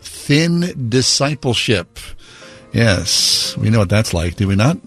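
A man's voice: lowish voice, sing-song, takes it slowly, fairly bright tone, faint music behind. A man chatting casually as a radio show co-host.

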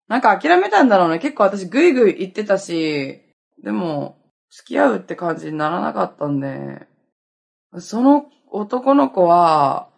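A woman's voice: medium pitch, gravelly, slightly rough. A young woman in her twenties hosting a casual solo podcast, chatty and self-mocking, laughing often as she talks. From Okinawa, Japan. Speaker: podcast host.

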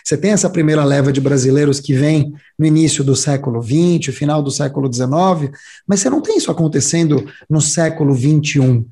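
A man's voice: fairly high pitch, brisk, dark tone, breathy edge. A man hosting a podcast, speaking in a polished, upbeat, motivational way. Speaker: podcast host. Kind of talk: podcast intro and interview.

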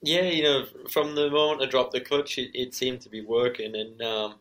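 A man's voice: medium pitch, steady tone, moderate pace, a bit bright, low-quality recording. A male racer with a mid-range voice answering interview questions. He is casual and understated. His modest replies are padded with frequent conversational fillers. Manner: modest, understated, leans heavily on "you know". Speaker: professional motorcycle racer being interviewed.

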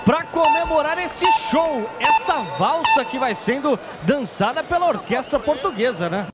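A Brazilian man giving excited live football match analysis as a commentator. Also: very high-pitched, measured pace, over loud music. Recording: very loud stadium crowd noise.

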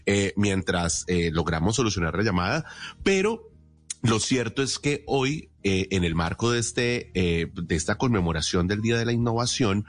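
Low-voiced Colombian man hosting radio. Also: animated, normal speed, soft background music. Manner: didactic, emphatic with rhetorical questions. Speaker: radio host. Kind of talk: explanatory radio presenting and interviewing.

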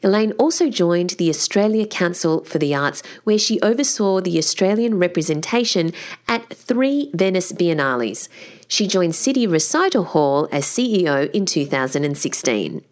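A woman hosting a podcast, reading a scripted introduction, then asking questions with an emphatic, lively manner. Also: fairly low pitch, normal speed. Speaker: podcast host.

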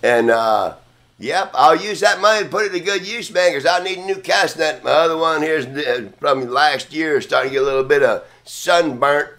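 A man's voice: a little high, moderate pace, a bit bright. A middle-aged man hosting a casual livestream from an outdoor balcony, rambling offhand and swearing freely. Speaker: livestream host. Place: outdoor balcony near neighbors.

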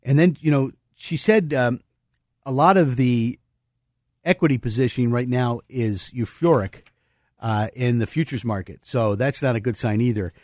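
A man's voice: medium pitch, normal speed, darkish tone, no room sound. Male radio host, finance talk, rambling with fillers, dry close-miked sound. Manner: rambling, with many fillers and restarts; explains market terms plainly.

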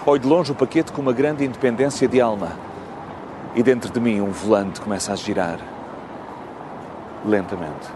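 Male reader, slow and reflective poem delivery, outdoor city noise behind. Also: lowish voice. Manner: slow, measured, reflective reading. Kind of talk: poetry recitation.

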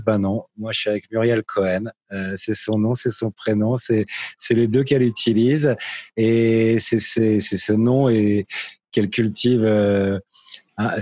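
With a fairly low, slightly mellow voice and no room echo, a man hosts a casual French interview. His manner is informal and hesitant, and he often repeats his phrases as he talks.

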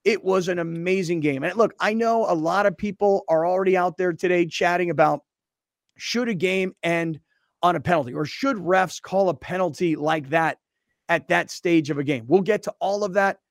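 Casting note: middle-aged male radio host, lively chatty delivery, slightly higher voice, dry close sound. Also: moderate pace, dry recording. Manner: energetic, conversational. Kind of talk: sports talk radio.

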